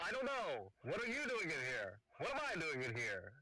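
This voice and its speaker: A man's voice: a little high, fairly quick, rough recording. A man playing a tabletop role-playing game, joking around and goofing with the group. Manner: lively, jokey, laughing. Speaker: player.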